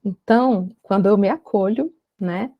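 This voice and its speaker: A woman's voice: mid-range voice, unhurried, dry recording, dull audio. Reflective Brazilian woman, dry sound. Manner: reflective, emphatic, uses many tag questions. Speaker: guest, parenting educator. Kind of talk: conversational podcast interview.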